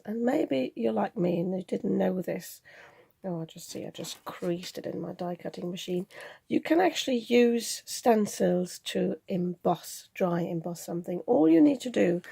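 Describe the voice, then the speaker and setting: A woman with a croaky voice from a cold, chatting her way through a crafting tutorial and thinking aloud as she works. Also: mid-range voice, warm tone. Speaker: card-making channel host.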